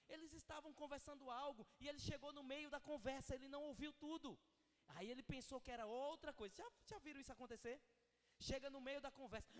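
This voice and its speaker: A man with a Northeastern Brazilian Portuguese accent, preaching a sermon in a large church hall and acting out the quoted dialogue as he goes. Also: very high-pitched. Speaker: pastor. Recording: long church-hall reverb.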